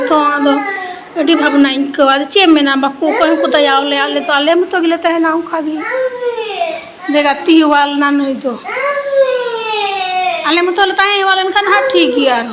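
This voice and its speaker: A woman from Jharkhand, India, vlogging outdoors on a phone. She talks to a crying child in soft, coaxing words and repeats short phrases. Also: sits high. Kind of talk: casual daily vlog. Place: outdoors in the sun. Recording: loud background noise.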